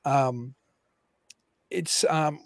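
A man guest historian explaining at length on a live call-in show, animated and digressive with frequent restarts. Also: medium pitch, very slow, vocal fry, no echo, clean studio sound.

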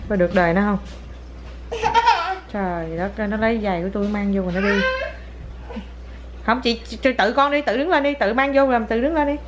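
A woman's voice: medium pitch, fairly even intonation, brisk, pauses often. A woman filming a casual family vlog, talking to her small child in a chatty, coaxing and playful way. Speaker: mother filming her toddler. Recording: home recording with clear background noise.

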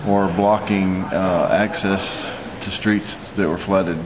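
A man in his forties giving an unscripted, matter-of-fact eyewitness vlog report, speaking haltingly. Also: deep voice, steady tone, crowd noise, low-quality recording. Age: 40s. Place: hotel lobby, indoors.

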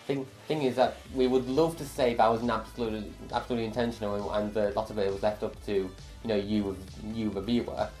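A young man with a lowish voice chats about filming, hesitant and full of fillers. The room sounds roomy, with faint music under him. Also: fairly even intonation, fast talker, hardly any pauses, a little mellow. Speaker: co-filmmaker, guest. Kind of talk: casual behind-the-scenes chat.

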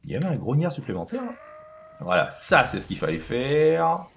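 A man's voice: medium pitch, big pitch swings, normal speed, vocal fry, a little hiss or hum. A man casually commenting on his own video game play, chatting to himself and to the enemies on screen.

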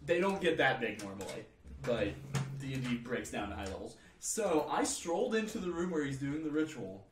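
A man casually telling a tabletop game story, animated and swearing freely as he acts out characters. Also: medium pitch, normal speed. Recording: roomy mic from a distance, faint noise.

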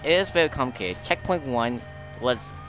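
A man giving unhurried, relaxed game commentary in a low voice, halting often and repeating words as he explains. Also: over music, poor audio. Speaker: gaming video host. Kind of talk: recorded gameplay commentary.

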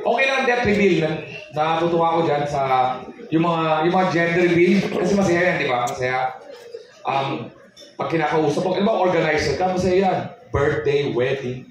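A Filipino man doing live stand-up comedy, animated and acting out quoted voices. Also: normal speed, recorded from a distance, a little hiss or hum. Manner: animated, acts out quoted voices in a high pitch. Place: comedy stage before a live audience. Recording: echoey live venue miked from afar, audience laughter.

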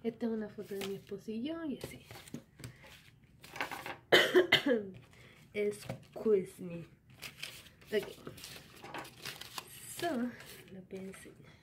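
Young woman, Dominican Spanish accent, chatty vlogger voice mixing in English, phone mic in a quiet bedroom. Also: medium pitch, animated, takes it slowly, long pauses, background noise. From Dominican Republic. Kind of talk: casual planner walkthrough. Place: small bedroom indoors. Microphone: phone camera at arm's length.

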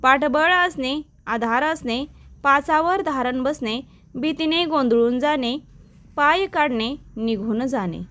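A woman teacher, reading out a list of phrases and their meanings in a steady recitation for exam practice. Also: high-pitched. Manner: slow, even recitation of phrase and meaning pairs.

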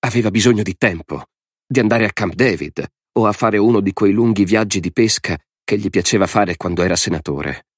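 A man narrating an audiobook in a measured, dramatic way. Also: fairly low pitch, slightly rough, no room sound, clean studio sound. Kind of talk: scripted narration.

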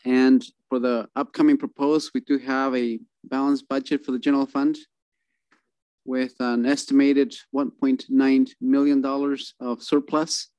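Halting man presenting a budget. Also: medium pitch, level tone, darkish tone, no room sound. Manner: halting, many fillers and restarts. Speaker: city finance staff presenting budget. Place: council meeting on video call. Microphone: video call.

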